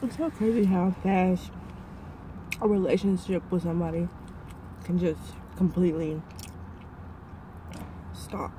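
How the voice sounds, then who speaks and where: A woman's voice: fairly low pitch, unhurried, long pauses, noisy background. Woman talking with her mouth full. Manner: relaxed, rambling, talking between bites. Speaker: vlogger. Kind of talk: casual chat while eating.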